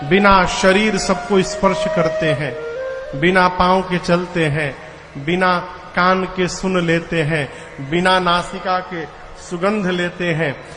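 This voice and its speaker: A man preaching a devotional sermon from a stage microphone, with measured, declamatory storytelling. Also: sits high, fairly even intonation. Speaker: religious preacher. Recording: reverberant hall with music.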